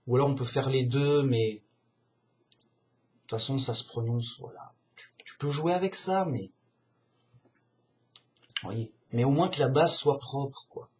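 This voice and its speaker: A man musing aloud in a casual, digressive monologue, slangy and chatty, often addressing the listener as a buddy. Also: mid-range voice.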